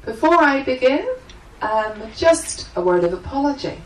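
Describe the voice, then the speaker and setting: A woman working as an interpreter, voicing a seminar introduction in short, halting phrases as she addresses a room. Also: sits high, very animated. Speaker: sign language interpreter voicing the signers. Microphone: microphone at the front of the room. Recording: distant microphone, noticeable background noise.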